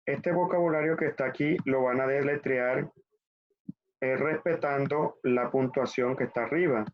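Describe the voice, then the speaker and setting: A man gives an online language class, explaining each point patiently and step by step. His voice sits at an everyday middle pitch. The audio is a little dull and lo-fi, like a basic computer mic. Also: fairly even intonation. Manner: patient, explains step by step, spells letters out slowly. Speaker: French teacher.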